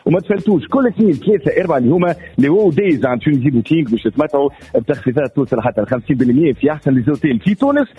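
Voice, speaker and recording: A man's voice: medium pitch, expressive, racing, breathy edge, soft background music. A Tunisian man presenting a radio prize giveaway in upbeat, promotional game show host patter. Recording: muffled on-location radio link.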